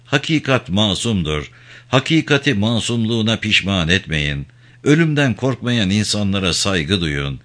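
A man playing a grave, defiant suspect. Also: fairly bright tone. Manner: low, slow, solemn. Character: male suspect under interrogation, grave and defiant.

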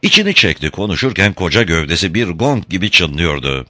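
Deep-voiced man narrating an audiobook. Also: very animated, a little fast, sharp tone, no echo.

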